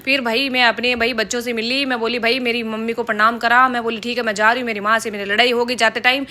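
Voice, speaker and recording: A woman's voice: a little high, flat delivery, fast talker, sharp tone. A young woman with a Rajasthani accent, narrating a casual vlog in a playful, joking way. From Rajasthan, India. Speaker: vlogger.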